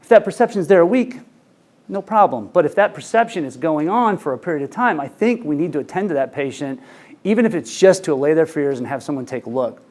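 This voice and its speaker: Speaking fast and with animation, this ENT doctor in his forties has a high-ish voice with a darkish tone. He's holding a microphone in a conference room, lecturing clinicians in a chatty way full of anecdotes and filler words.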